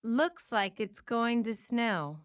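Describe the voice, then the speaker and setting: A woman reading short practice phrases aloud for learners, saying each one several times in a deliberate, even way. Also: fairly high pitch, dry recording, clean studio sound. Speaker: English phrase reader.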